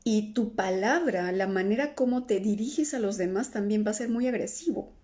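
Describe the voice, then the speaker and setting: A middle-aged woman with a soft, mellow voice gives a live-stream talk as an emotional healing coach. She keeps checking in with her listeners, tagging almost every phrase with "¿no?" or "¿sí?", and answers comments as they come in. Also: medium pitch, normal speed. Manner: tags nearly every phrase with "¿no?" or "¿sí?"; answers viewer comments aloud.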